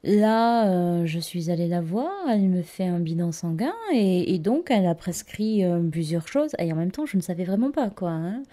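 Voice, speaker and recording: A woman's voice: on the low side, animated, normal speed, hardly any pauses, mellow. A woman telling a funny personal anecdote in casual French style, with lots of fillers and repeated catchwords. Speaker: storyteller.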